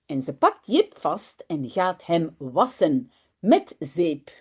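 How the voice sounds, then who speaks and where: A woman language teacher in her home office, reading a children's story aloud and then explaining it in a friendly, animated way into a webcam mic. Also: fairly low pitch, takes it slowly, husky.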